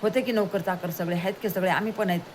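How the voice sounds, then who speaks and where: A woman voicing a gentle rich master. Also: mid-range voice, steady tone, quick pace, slight background noise, natural voice. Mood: reassuring. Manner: gentle, reassuring. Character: kind humble rich male employer.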